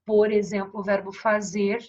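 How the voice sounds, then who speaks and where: Lady teacher walking thru verb examples, kinda breathy voice, muffled lo-fi recording. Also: mid-range voice, level tone, normal speed, darkish tone. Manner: explanatory, pointing at examples on a board, frequent tag questions. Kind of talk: grammar lesson. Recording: dull lo-fi recording.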